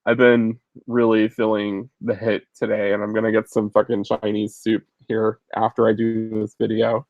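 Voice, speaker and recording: Here the man, in his thirties and slightly ill, sniffles as he casually fields questions from viewers. His low-ish voice is completely flat at a moderate pace, full of fillers, restarts and rambling. The audio has no echo but sounds narrow and tinny.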